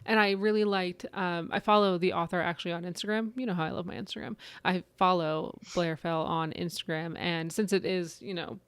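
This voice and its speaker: A woman's voice: fairly low pitch, fairly even intonation, a little fast, hardly any pauses, clean tone, no room sound. A woman in her late thirties co-hosting a podcast, chatting casually about books, with lots of "like" and "right?". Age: 30s. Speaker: podcast co-host. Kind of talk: casual book chat.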